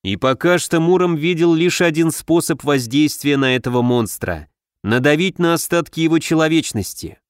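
A man's voice: a little high, animated, moderate pace, smooth, no room sound, clean studio sound. Man reading a fantasy audiobook. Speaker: audiobook narrator. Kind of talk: scripted narration.

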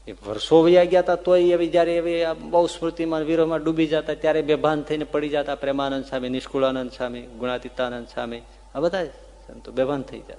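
A man retelling a devotional story as a sermon, his voice rising with feeling and dropping soft for the tender parts. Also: on the high side. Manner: tells the story with emotional rises and soft dips. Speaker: religious storyteller. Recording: long reverb of a large hall.

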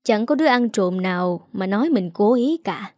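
A woman doing a calm, sly older lady. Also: medium pitch, no echo, clean studio sound, lightly acted. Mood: coolly teasing. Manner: calm, teasing, unhurried.

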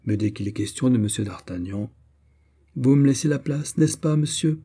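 A man's voice: medium pitch, animated, moderate pace, mellow, natural voice. A man reading a haughty English duke. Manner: haughty, defiant, phlegmatic.

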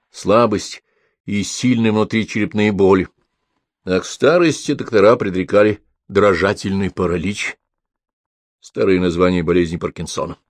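An audiobook narrator, male, reads a scripted story in a steady, storytelling way. His voice is on the low side, and the recording is dry and clean, with studio quality.

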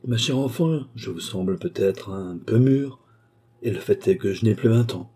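A man's voice: fairly low pitch, normal speed, mellow, slightly rough. A man voicing an old, lecherous male office chief in a storybook, jovial and patronizing. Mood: boastful.

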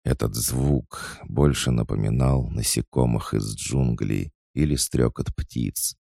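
Very deep, slow male audiobook narrator. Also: vocal fry, dry recording, clean studio sound. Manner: steady, measured storytelling.

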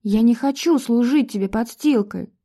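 Woman reading as a cornered young woman lashing out, pitched high and loud, mellow tone underneath. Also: moderate pace. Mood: angry. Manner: shouting, pleading, breaking voice. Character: young homeless woman, defiant and frightened.

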